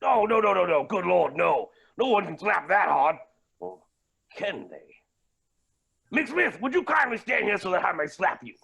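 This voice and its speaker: A man's voice: high-pitched, sing-song, a little slow, gravelly, a bit bright, husky, exaggerated voice. A man playing a scheming, gleeful villainous billionaire with theatrical, posh exclamations in a tabletop game. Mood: gloating.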